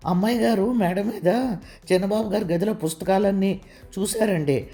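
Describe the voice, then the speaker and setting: Give me a woman playing a scared, deferential young housemaid with a mellow voice. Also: mid-range voice, normal speed, faint music behind, lightly acted. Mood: timid. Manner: timid, deferential.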